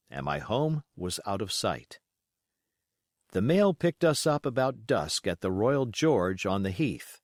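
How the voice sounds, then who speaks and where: Classic adventure fiction is read aloud by a man for an audiobook, his voice pitched in the middle. He delivers it in a measured yet lively, expressive way, and the recording is dry without any room ambience.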